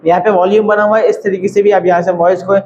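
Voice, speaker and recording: A man's voice: high voice, little pitch movement, fast talker, a little mellow, lo-fi sound, slight background noise. Chatty man teaching video editing. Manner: chatty, repeats "thik hai" and "bhai". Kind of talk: casual screen-recorded tutorial.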